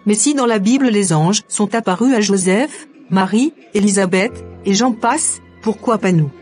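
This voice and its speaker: A woman voices an earnest, trusting, devout young woman in a cartoon drama, her scripted dialogue backed by music. She speaks at a moderate pace in a natural, darkish voice of ordinary female pitch, with an earnest, insistent mood.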